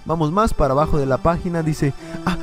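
A man hosting a reaction video, reading a fan comic aloud and acting out the characters' lines with shouts. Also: fairly high pitch, fast talker, over music. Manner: animated, acts out characters' lines with loud yells.

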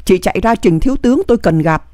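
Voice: medium pitch, lively intonation, quick pace, warm tone, dry recording, clean studio sound, lightly acted. A reader voicing a male army colonel who is under fire and asks urgent questions on the phone in an audiobook reading.

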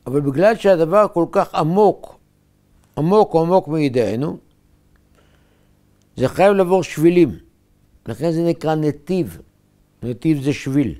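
Rabbi giving a measured Hebrew-style sermon. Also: male voice, a little high, expressive, mellow. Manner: measured teaching with short emphatic phrases.

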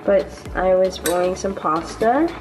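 A woman's voice: medium pitch, animated, measured pace. Chatty young woman in echoey kitchen. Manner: chatty, explains each step while cooking. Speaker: vlogger. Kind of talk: casual cooking vlog. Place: large home kitchen. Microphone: handheld camera, at times set down further away. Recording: echoey kitchen with music behind.

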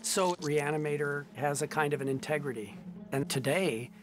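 A man in an interview, telling lively anecdotes and laughing now and then. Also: fairly high pitch, moderate pace, over music. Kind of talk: retrospective interview.

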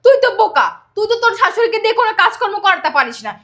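A scheming, sharp-tongued elder sister, played by a woman. She snaps back defensively in a very high, bright voice. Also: very animated, very fast, heavily acted. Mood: defiant. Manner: defensive, retorting. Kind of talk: amateur drama acting.

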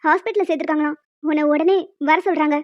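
A woman voicing a stern, bossy middle-aged female hostel warden in a cartoon, speaking in a lower, scolding voice. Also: fairly even intonation, quick pace, muffled recording, noisy background, close to an everyday voice. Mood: concerned. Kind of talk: cartoon voice acting.

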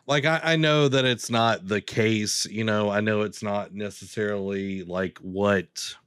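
A man in his thirties co-hosting a casual gaming news chat from a home room with bookshelves, speaking into a headset on a video call, blunt and opinionated with halting fillers. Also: fairly low pitch, fairly bright tone, clear, resonant tone, no room sound, studio quality. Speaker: co-host.

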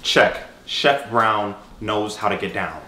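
A man's voice: fairly low pitch, slow, very noisy. Playful young man cooking in an echoey kitchen. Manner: playful, mock-formal broken chef talk. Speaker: cooking vlog host. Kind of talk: joking cooking show narration. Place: small home kitchen, indoors. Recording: echoey kitchen with sizzling pan.

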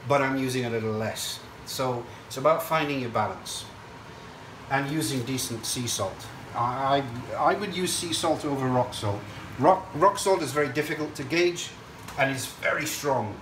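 This clip features a male cooking show host with a mid-range voice, talking at a normal speed as he demonstrates a dish casually to camera. He's chatty and explanatory, prone to rambling digressions while he works at the stove. The indoor kitchen sounds echoey and the mic sits far from him, so sizzling, stirring, and general noise come through clearly.

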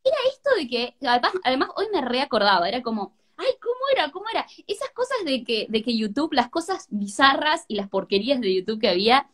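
A woman's voice: fairly high pitch, sing-song, fast talker, hardly any pauses, a bit bright. A woman in her thirties with an Argentine accent, interviewing in an informal, enthusiastic way over a video call. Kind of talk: casual interview chat. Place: indoors in a room, on a video call.

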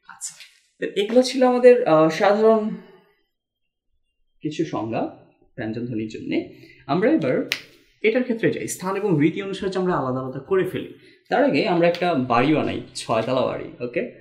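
A man's voice: fairly high pitch, darkish tone. A man teaching a recorded lesson, explaining step by step and answering his own questions. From Bangladesh. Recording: echoey room.

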